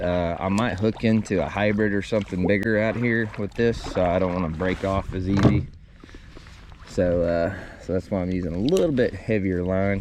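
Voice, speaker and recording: Laid-back low-voiced man fishing from a kayak. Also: a little mellow. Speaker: angler hosting a kayak fishing vlog. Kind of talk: casual fishing commentary. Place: outdoors in a kayak on a river. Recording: faintly noisy outdoor river recording.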